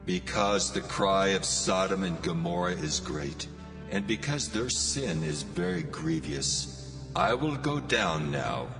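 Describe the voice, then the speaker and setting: A man's voice: deep voice, lively intonation, slow pace, heavily acted. A man voicing God as a grave, majestic, commanding figure in a dramatized scripture reading. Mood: grave, judging. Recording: long cavernous reverb, loud music behind. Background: music.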